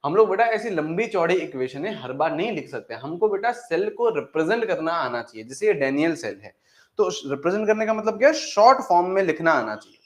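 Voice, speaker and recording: Bantering male chemistry teacher, slightly high voice. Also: big pitch swings, a little fast. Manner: bantering, repetitive, calls students "beta", asks and answers own questions. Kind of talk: live online class lecture.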